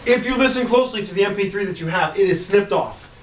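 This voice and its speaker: Male DJ, high-pitched, casual and rambling, distant mic in an echoey room. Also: quick pace, a little hiss or hum. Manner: chatty, loose, with fillers and asides. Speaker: DJ presenting hip-hop samples. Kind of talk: casual commentary over records. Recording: roomy, off-mic, music behind. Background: music playing.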